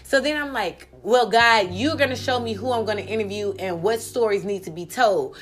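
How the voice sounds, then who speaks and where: A woman hosting a podcast interview, telling a story in a chatty, casual way with lively asides. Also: medium pitch, moderate pace. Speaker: podcast host.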